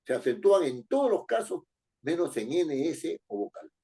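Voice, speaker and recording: A man's voice: a little high, very animated, moderate pace, dark tone. A man teaching a class, explaining rules and repeating key phrases while he asks the students questions. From Peru. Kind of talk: spoken lesson on writing and accent marks.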